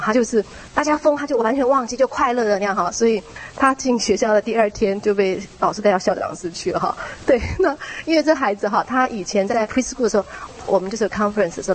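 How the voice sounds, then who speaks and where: A woman, a mother, sharing her own story in a church small group, chatty, with a soft tag particle at the end of her phrases. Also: medium pitch, a little hiss or hum, poor audio.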